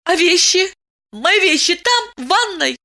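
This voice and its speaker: Woman reading as a scared injured young woman, high strained voice, pleading and insistent, bright audiobook delivery. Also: expressive, measured pace, full character voice. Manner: urgent, high-pitched pleading.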